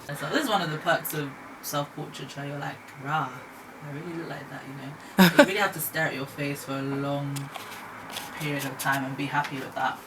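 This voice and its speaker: A woman's voice: deep voice, moderate pace. A woman, a painter chatting casually about her work, self-mocking and talkative. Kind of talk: casual chat while painting. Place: art studio. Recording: steady background noise.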